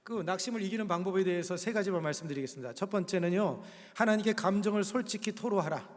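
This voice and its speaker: A high-pitched male pastor delivers a sermon from a church pulpit, his voice carrying a long hall reverb. He preaches with humor and keeps turning to the congregation with questions. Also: lively intonation, quick pace. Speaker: senior pastor.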